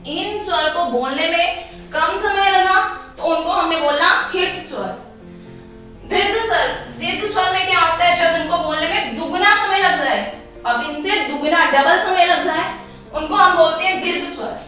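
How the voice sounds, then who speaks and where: A woman's voice: very high-pitched, normal speed, sharp tone, faint music behind. A woman teacher, giving a patient classroom lesson and checking in often. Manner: patient, repeats and checks with "theek hai". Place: school classroom. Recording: echoey room from a distance.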